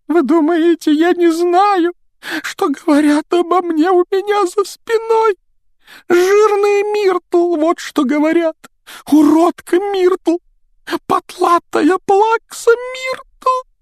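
A man's voice: sits high, slow, no echo, clean studio sound, pitched above the performer's own voice. A man voicing a weepy, sulking ghost girl who wails tearfully in a storybook reading. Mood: tearful wailing. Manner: wailing, tearful.

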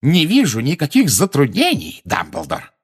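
A man's voice: huge pitch swings, very slow, gravelly, exaggerated voice. A man voicing a blustering, pompous minister who barks out his words and gloats. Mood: gloating. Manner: shrill, barking exclamations. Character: blustering middle-aged male minister, gleeful and pompous.

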